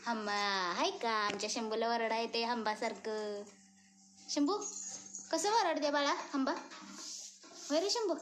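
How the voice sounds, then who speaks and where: A young mother from Maharashtra films her baby at home by the cowshed, slipping between bright, high-pitched baby talk and quieter narration aimed at her viewers. Her voice sits somewhat high for a woman. The phone recording carries a steady layer of clear background noise. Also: unhurried, pauses often. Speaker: vlogger mother.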